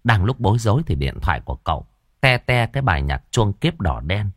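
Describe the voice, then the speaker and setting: A man's voice: lowish voice, a little fast, no room sound, clean studio sound. A man telling a comic ghost story vividly. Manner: lively, vivid narration.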